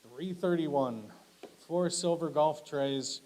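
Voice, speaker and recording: A man's voice: a little high, slow, a little mellow, poor audio. A man working as an auctioneer at a live auction, calling bids and lots in short, clipped, repetitive phrases with polite asides. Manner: repetitive, clipped bid calls with polite thanks. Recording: clearly audible background hiss.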